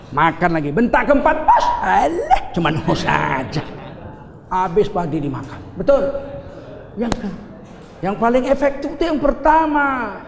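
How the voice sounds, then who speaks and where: A middle-aged man preaching a lively sermon with funny stories, animated and teasing, acting out little scenes as he goes. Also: very high voice, gravelly. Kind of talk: lively sermon with humorous anecdotes. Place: large hall at a gathering. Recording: echoey hall, faint ambience.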